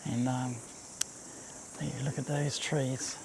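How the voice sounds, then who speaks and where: A man gives casual, unhurried commentary on a nature walk, outdoors by a babbling creek. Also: medium pitch, level tone. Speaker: walking vlog host. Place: outdoors on a bush walkway and swing bridge by a creek. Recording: outdoor ambience, faint insect noise. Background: cicadas, birds, babbling creek.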